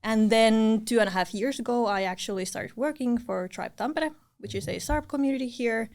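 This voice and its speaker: A woman's voice: on the high side, fairly quick, darkish tone. A young woman from Finland, a podcast guest, talking in a modest, friendly, casual manner. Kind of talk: casual interview chat.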